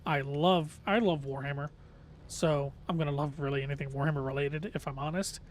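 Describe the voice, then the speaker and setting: Guy streaming a game, kinda high reedy tired voice, earnest casual rambling, some rumbly noise. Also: steady tone, fairly quick. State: slightly strained, tired voice from long talking. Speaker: game livestreamer, host. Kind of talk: casual livestream chat.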